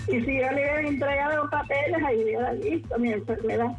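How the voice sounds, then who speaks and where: A woman in her seventies with a Honduran accent, calling a radio show and pleading haltingly with many restarts. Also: high-pitched, fairly even intonation, soft background music. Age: 70s. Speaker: caller. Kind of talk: phone-in complaint. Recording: muffled phone line into radio.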